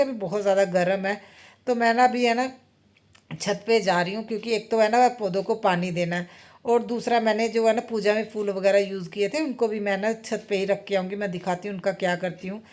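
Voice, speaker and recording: A woman's voice: medium pitch, a little mellow. A woman in her thirties chatting casually in a home vlog, rambling and often adding tag questions. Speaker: vlogger and mother.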